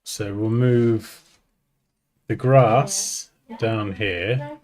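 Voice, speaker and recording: A man's voice: medium pitch, sing-song, extremely slow, a little mellow. Chatty man talking through a tutorial. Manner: chatty, thinks aloud, jokes at himself. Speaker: design tutor. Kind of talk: casual screen-recorded software tutorial.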